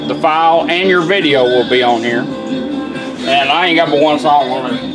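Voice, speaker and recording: A middle-aged man with a Southern American accent, a car radio builder, demonstrates his product hands-on at an indoor workbench, explaining step by step in a casual, folksy, plain-spoken way. His voice is fairly high at a moderate pace, with music and radio from the car stereo playing behind him.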